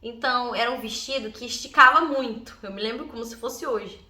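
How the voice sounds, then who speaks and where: A woman's voice: a little high, brisk, sharp tone. A young woman vlogger animatedly telling a childhood story, laughing often and acting out her relatives' voices. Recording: echoey room.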